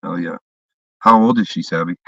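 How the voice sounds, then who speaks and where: A man's voice: sits low, moderate pace, no room sound. Profane man telling a heated story. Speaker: storyteller in a casual hangout. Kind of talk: casual chat. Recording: dull, distant recording.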